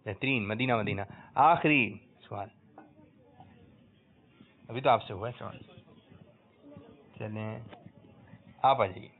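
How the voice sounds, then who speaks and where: A man hosting a religious quiz for children, coaxing answers out of them and loudly praising the correct ones. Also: fairly low pitch, pauses often. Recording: tinny lo-fi phone-like sound.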